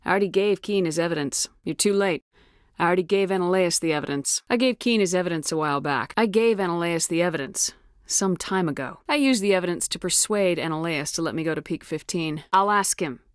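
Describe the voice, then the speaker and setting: Woman acting a tough space commander lady from a game, kinda low voice, businesslike and clipped, super dry sound. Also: a little fast, no room sound, lightly acted. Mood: firm, persuasive. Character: tough, no-nonsense female military space commander. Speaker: video game protagonist. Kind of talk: video game dialogue acting.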